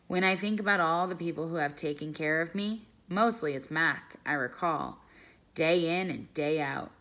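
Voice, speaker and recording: Low, bright-voiced woman reading a story. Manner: calm, careful storytelling, pausing over phrases. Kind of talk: reading a children's novel aloud.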